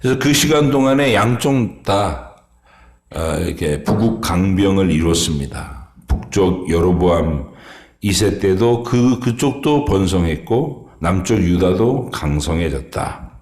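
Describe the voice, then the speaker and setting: Slow, low-voiced pastor in an echoing church. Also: male voice, expressive, darkish tone. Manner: slow, halting delivery with many fillers. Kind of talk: early-morning sermon. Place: church sanctuary.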